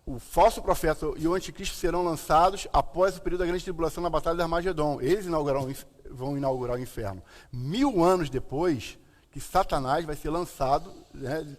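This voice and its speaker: This Brazilian pastor speaks quickly in a fairly high voice, teaching the Bible informally on a live stream. A tied tongue gives him a lisp and slushy s sounds, and he explains things while repeatedly checking in with "né." The audio carries a long, hall-like reverb.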